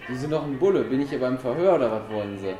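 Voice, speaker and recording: Actor as a snappy, suspicious guest, quick delivery, echoey room. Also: male voice, medium pitch, lively intonation, mellow, soft background music, lightly acted. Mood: defensive. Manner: brusque, defensive. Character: touchy married man, defensive and brusque.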